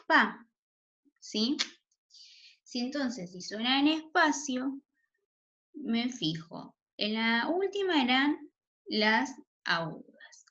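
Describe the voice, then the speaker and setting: A woman teacher explains spelling rules to children very slowly, pausing often to ask "¿sí?". Her voice sits a bit high. The recording is dull and lo-fi. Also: a bit bright. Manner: checks in with a questioning "¿sí?" after each point. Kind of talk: slow, deliberate spelling lesson for children.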